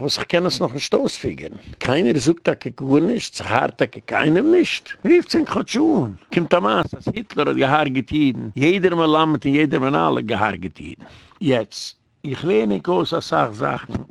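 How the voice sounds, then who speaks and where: A man, a rabbi, giving an impassioned, urgent lecture with a gravelly voice and occasional English exclamations. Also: on the high side, no room sound, clean studio sound.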